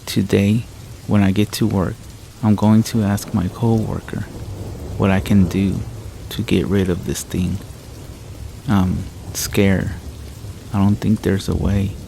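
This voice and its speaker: A man narrates a creepy first-person tale in a very deep voice, low and unhurried. His tone stays flat with little rise and fall, and a gravelly rasp runs through his words. Faint rain patters in the background. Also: a little hiss or hum, poor audio. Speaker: horror story narrator. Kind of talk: scripted horror narration. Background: rain sounds.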